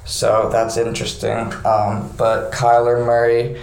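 Very creaky-voiced man in an echoey room. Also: mid-range voice, completely flat delivery, measured pace, darkish tone. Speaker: podcast co-host. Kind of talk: casual sports podcast chat. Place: small, bathroom-like echoey room. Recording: echoey small room, slight noise.

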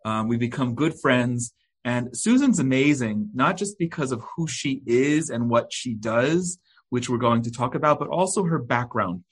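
A man hosting an interview show, speaking with halting starts, frequent ums and repeated words. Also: mid-range voice, expressive, slightly rough. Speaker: host. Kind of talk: hosted interview.

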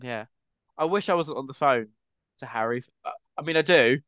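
A man's voice: mid-range voice, normal speed, fairly bright tone, clean tone, no room sound. A young man guesting on a podcast, bantering playfully and joking around. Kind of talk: casual chat.

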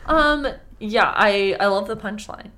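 A woman's voice: medium pitch, bright, forceful tone. A woman co-hosting a podcast, joking and swearing in casual chat and reading a story aloud. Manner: joking, swearing, quick reactions. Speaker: podcast co-host.

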